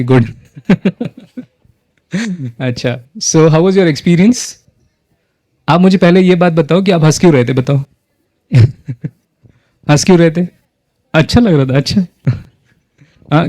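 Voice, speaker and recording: Guy leading a workshop, mellow tone, dry close sound, keeps asking the crowd stuff. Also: a little high, no room sound. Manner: engages the audience with frequent questions, mixes in English phrases. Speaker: workshop facilitator. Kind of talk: interactive talk leading a group exercise.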